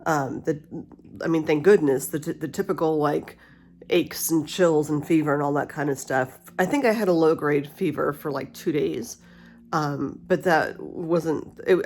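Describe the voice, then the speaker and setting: Low-voiced woman talking with a retainer in. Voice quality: slightly lisping speech from wearing a retainer. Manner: candid, rambling. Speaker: vlogger. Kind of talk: casual, chatty personal check-in vlog. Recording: steady humidifier hiss and faint spa music. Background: cool mist humidifier, soft spa music.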